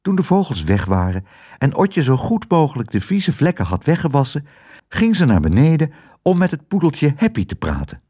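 A man's voice: on the high side, moderate pace, breathy edge. A man narrating a children's audiobook, telling it expressively. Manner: expressive storytelling.

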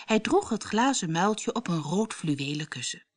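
A woman narrating a fairy tale as a storybook read-aloud, expressive and lively. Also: lowish voice, normal speed, background noise.

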